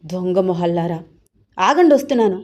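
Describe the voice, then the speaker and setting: A bold, jealous young wife, voiced by a woman narrator in a spoken storybook. She is quick-tongued and teasing, and just as quick to scold. Her voice sits higher and louder than the narration, with a soft, mellow color underneath. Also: expressive. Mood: furious. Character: fiery young wife, playful then fiercely jealous.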